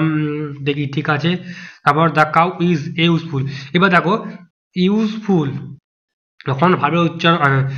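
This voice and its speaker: A man with a slightly high voice teaches an exam-prep grammar lesson. He tries each answer option aloud, rules out the wrong ones and settles on the right one. The recording is muffled and lo-fi. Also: a bit bright. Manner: talks through each answer option aloud, testing and rejecting choices.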